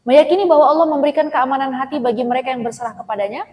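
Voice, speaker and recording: A woman, a therapist, giving a conversational religious talk to a women's study group. She is lively, laughs often and asks the audience rhetorical questions. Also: high voice, very fast, poor audio. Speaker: speaker at a women's Islamic study session and therapist.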